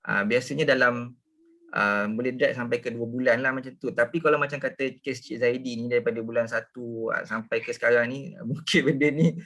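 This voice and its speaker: Gravelly Malaysian man, halting speech. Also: mid-range voice, steady tone, fairly bright tone. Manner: hesitant, many drawn-out fillers. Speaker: development finance officer. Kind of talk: answering questions in an online business talk. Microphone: video call.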